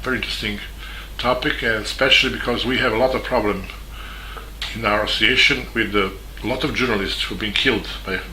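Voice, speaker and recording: A journalist with a Serbian accent delivers a spoken statement in English, his low voice bright and edged, his tone steady. He speaks haltingly, with frequent stops, fillers and restarted sentences. The recording is echoey, with a faint room hum in the background.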